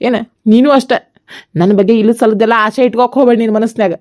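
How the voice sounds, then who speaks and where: A woman's voice: a little high, fairly even intonation, very fast, darkish tone, natural voice. A woman voicing a grieving, brooding young village man with a North Karnataka accent in a cartoon comedy, speaking in a mournful, firm way. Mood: stern, sorrowful. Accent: North Karnataka Kannada. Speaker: cartoon voice actor.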